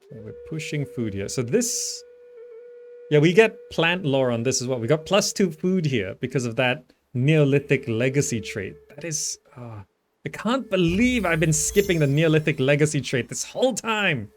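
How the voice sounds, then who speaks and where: This man's voice sits on the high side, animated and at a moderate pace. He hosts a gaming video, musing aloud in casual gameplay commentary and often trailing off. Game music is audible behind him.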